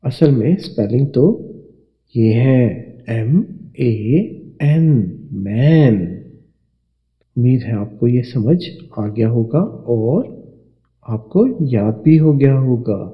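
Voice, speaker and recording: A man teaching English spelling to Urdu speakers, spelling out each letter and repeating every word slowly. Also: medium pitch, highs cut off. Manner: slow and deliberate, spells out letters and repeats words. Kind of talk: slow spelling lesson narration.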